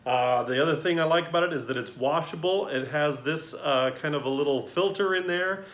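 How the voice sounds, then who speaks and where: A man's voice: fairly high pitch, brisk, a bit bright. A man reviewing a singer's mask while wearing it, chatting in a friendly way with plenty of ums and uhs. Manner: friendly, hesitant with many fillers. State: through a face mask. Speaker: choir director. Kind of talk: casual product review. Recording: echoey room.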